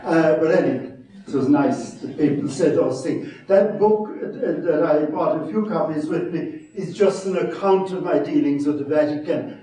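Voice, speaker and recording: A man's voice: on the high side, normal speed, dark tone. A man in his seventies with a West of Ireland accent, giving an informal talk as a wry, self-deprecating storyteller and preacher. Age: 70s. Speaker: retired mission priest, guest speaker. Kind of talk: informal public talk with anecdotes. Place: large echoey room before an audience. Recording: echoey hall, distant microphone.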